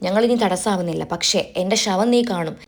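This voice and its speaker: A woman's voice: fairly low pitch, a little fast. A woman voicing a domineering middle-aged mother who scolds and pressures her daughter, in a retold TV serial. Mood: angry, scolding.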